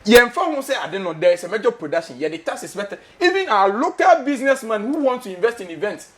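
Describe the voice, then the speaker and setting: A Ghanaian man hosts a studio talk show in Ghanaian-accented English, passionate and emphatic, repeating his questions and slipping into Twi. His voice is high, sing-song, fast and fairly bright.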